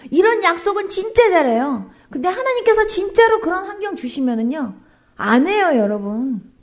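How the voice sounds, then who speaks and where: A woman pastor preaching with a very high, lively voice that leaps up and down. She is fervent and exclamatory, then drops into hushed whispers to press a point home. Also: moderate pace. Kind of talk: emotional testimony sermon.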